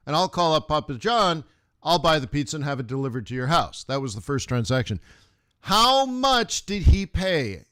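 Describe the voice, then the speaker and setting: A middle-aged man hosts a live trading stream, his voice medium in pitch and fairly bright. He talks casually, drifting into rambling asides and laughing often.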